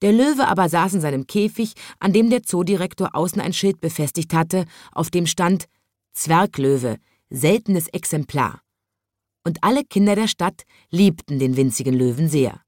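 A woman's voice: fairly low pitch, lively intonation, moderate pace, few pauses, darkish tone, no echo, clean studio sound. Woman reading a children's story.

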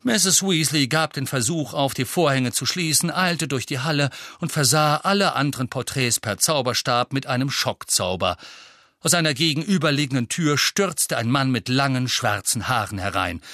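Guy reading an audiobook, lively up and down delivery, super dry sound. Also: mid-range voice, moderate pace, no room sound. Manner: expressive storytelling. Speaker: audiobook narrator. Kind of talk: scripted narration.

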